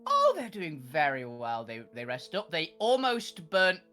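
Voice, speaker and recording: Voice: mid-range voice, sing-song, a little slow, bright, forceful tone, faint music behind. A person playing in a tabletop role-playing game, bantering casually and in character, laughing readily.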